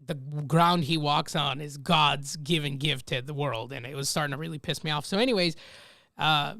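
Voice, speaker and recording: A man co-hosting a casual business podcast, telling a story in a lively way, acting out what people said and swearing freely. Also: a little high, moderate pace, creaky, no echo, studio quality. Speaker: podcast co-host. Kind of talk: casual chat.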